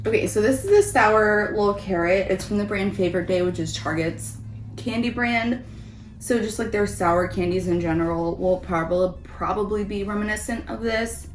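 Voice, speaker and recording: A woman's voice: medium pitch, normal speed, faint music behind. A woman giving a casual, chatty food review as host of a taste test vlog. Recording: roomy echo, background noise.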